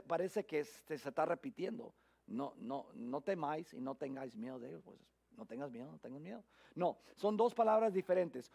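High-voiced man preaching a sermon. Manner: dramatic swings from loud emphasis to hushed near-whisper; frequent restarts and repeated words. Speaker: pastor.

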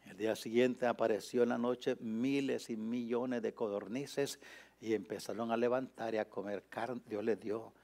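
A man preaching a sermon as a pastor, swinging from quiet, confiding asides to loud, impassioned climaxes, speaking to radio listeners. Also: medium pitch, steady tone, normal speed, vocal fry. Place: radio broadcast.

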